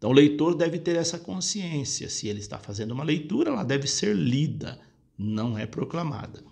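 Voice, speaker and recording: Gravelly priest explaining church practice. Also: male voice, fairly high pitch, sing-song, brisk, a little mellow. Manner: explanatory, patient, repeats points for clarity. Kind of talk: casual spoken Q&A lesson.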